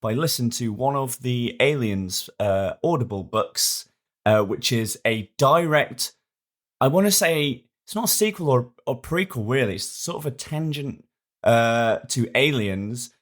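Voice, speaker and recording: A man's voice: medium pitch, animated, measured pace. A man co-hosting a podcast in casual, jokey, rambling chat. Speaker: podcast co-host.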